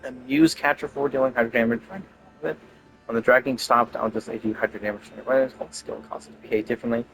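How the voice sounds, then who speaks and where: A man casually rambling and thinking out loud as he plays a video game, swearing now and then. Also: mid-range voice, fairly even intonation, fairly quick, over music, rough recording. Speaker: gaming video creator. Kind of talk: casual gameplay commentary.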